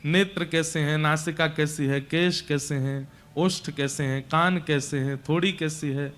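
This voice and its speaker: A man's voice: fairly high pitch, fairly even intonation, a little slow, fairly bright tone. A man narrating a sacred story as a devotional storyteller, swelling dramatically on emotional lines. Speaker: religious storyteller.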